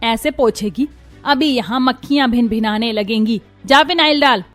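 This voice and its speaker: A woman's voice: a little high, normal speed, fairly bright tone, lightly acted. A woman voicing a cruel middle-aged mother-in-law in a cartoon, harsh and taunting, over faint music. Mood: scolding. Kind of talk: cartoon voice acting.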